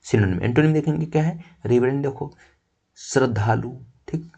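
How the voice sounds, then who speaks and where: Man teaching vocabulary at an even pitch. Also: moderate pace, creaky, slightly rough. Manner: explains each word step by step, checking with "ठीक". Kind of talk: exam-prep vocabulary lesson.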